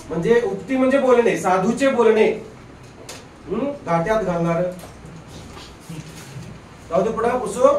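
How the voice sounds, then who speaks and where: A man's voice: sits high, distant mic, slight background noise. A man teaching a grammar lesson in a classroom, drilling students with repeated questions and teasing them now and then. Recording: echoey room, voice off-mic.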